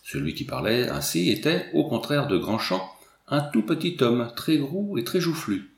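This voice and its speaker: A man reading a novel aloud as narrator, in measured, expressive storytelling. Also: mid-range voice. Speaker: audiobook reader. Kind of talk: scripted narration. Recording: echoey room.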